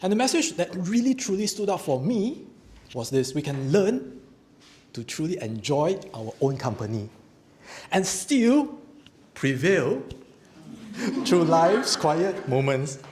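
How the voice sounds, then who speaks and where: Lively-pitched man praising a speech. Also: slow. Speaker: club president and speech evaluator. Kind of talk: club speech evaluation.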